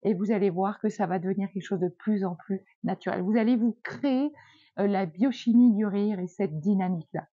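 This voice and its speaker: A woman giving a gentle, encouraging self-help talk as a wellness coach, with many hesitant fillers. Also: medium pitch, fairly quick, dry recording, muffled recording.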